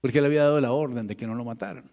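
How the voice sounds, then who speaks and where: A male pastor preaching a sermon in a church. He tells the story dramatically, swinging from loud, raised lines to hushed ones. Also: mid-range voice, very fast, big-room sound.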